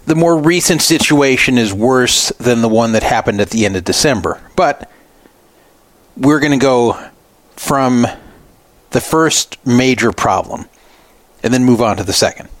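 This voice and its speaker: A middle-aged talk radio host offers opinionated commentary on his own, leaning on deliberate, forceful phrasing and repetition to drive points home. He has a mid-range voice, heard on a dry recording.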